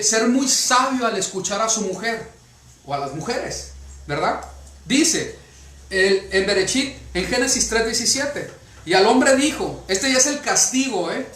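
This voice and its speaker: A man's voice: very high voice, bright, forceful tone. A man preaching a sermon to a congregation, often checking with rhetorical questions. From Mexico. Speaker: pastor. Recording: echoey room from a distance.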